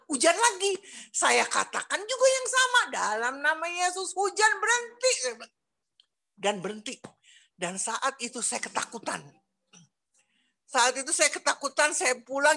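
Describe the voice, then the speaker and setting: An older woman giving an emotional church testimony, her voice climbing high as she tells her story. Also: normal speed, vocal fry. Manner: emotional storyteller, voice rising high when excited. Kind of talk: personal testimony.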